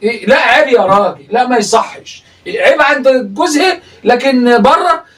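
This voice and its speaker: A man's voice: very high-pitched, a little fast, fairly bright tone, recorded from a distance. A man with an Egyptian accent doing comic commentary on clips, teasing and laughing often. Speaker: comedy commentator reacting to clips.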